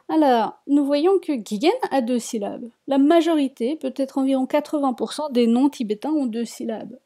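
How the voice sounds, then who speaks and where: Slow, patient woman teaching syllables. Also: high-pitched, mellow. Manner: spells out syllables slowly and repeats them. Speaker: Tibetan reading teacher. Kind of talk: slow spoken language lesson.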